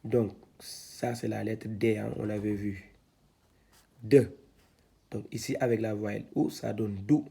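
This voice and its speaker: A man teaching Quran reading, spelling out syllables one by one, halting and repeating himself with many fillers. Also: lowish voice, level tone, vocal fry, mellow, breathy edge. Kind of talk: step-by-step lesson, spelling out syllables.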